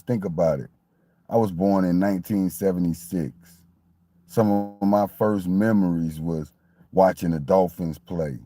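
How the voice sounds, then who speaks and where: A sports fan commentator from Miami, a man in his late forties, delivers a casual sports talk monologue about his football team in a deep, mellow voice. His talk is conversational, meandering and repetitive. The recording is clean studio sound with no echo.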